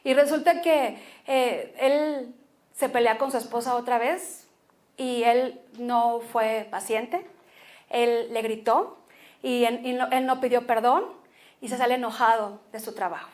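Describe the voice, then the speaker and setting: A woman pastor with a Mexican Spanish accent preaching a sermon, expressive and repeating phrases for emphasis. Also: on the high side, unhurried.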